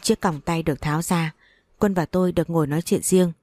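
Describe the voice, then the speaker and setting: A woman narrates a first-person story with a calm, even delivery. Her voice sits low and mellow. The sound is dry and close, with no room around it. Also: a little fast, no room sound. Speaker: audiobook narrator.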